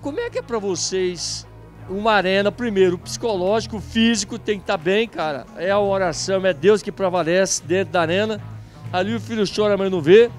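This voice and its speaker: With soft music in the background, a middle-aged Brazilian man speaks briskly in a high voice while presenting live from a rodeo festival. Holding a handheld microphone, he reports and interviews around the booths and outdoor stalls in the emphatic, hyped style of an announcer.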